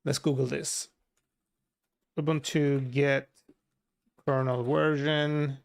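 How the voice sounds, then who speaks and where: A medium-pitched man speaks slowly with little pitch movement and some vocal fry. He's a Turkish software developer and livestreamer, a native Turkish speaker with a Turkish accent, talking casually while working and answering viewers.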